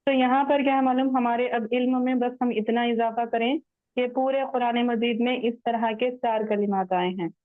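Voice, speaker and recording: A woman teaching Quran recitation in an online class, patiently explaining rules step by step and chanting the verses slowly. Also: fairly high pitch, level tone, no room sound. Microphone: online call audio. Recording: tinny phone-like line, dry.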